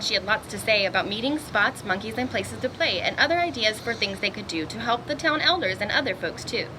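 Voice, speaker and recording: Reading a children's story aloud in a homemade recording with noticeable background noise, a fairly high-voiced woman performs the exclamations with expression. Now and then she breaks off to speak directly to the kids listening.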